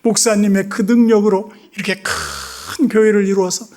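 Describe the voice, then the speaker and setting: A man preaching a revival sermon in a church, telling stories animatedly and acting out both sides of dialogues, dropping to hushed asides. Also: sits high, fairly even intonation, normal speed, slight background noise. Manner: drops to hushed whispers for asides. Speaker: pastor. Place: church sanctuary.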